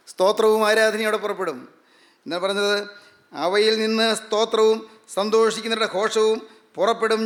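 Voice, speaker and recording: A man's voice: sits high, fairly bright tone. A man preaching a sermon, emphatic and repeating his phrases.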